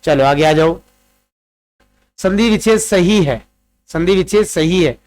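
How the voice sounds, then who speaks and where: A man's voice: high voice, a little slow, a little mellow. A man teaching a Hindi grammar lesson for exam preparation, quizzing students and repeating each answer several times. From Rajasthan, India. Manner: repeats answers, drills word forms aloud; addresses students directly, quizzing them.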